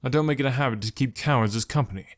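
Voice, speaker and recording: A man voicing a calm, curt young male archer in an audiobook, speaking dry and clipped. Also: medium pitch, fast talker, dry recording, voice pushed up, close to an everyday voice. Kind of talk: audiobook character voice.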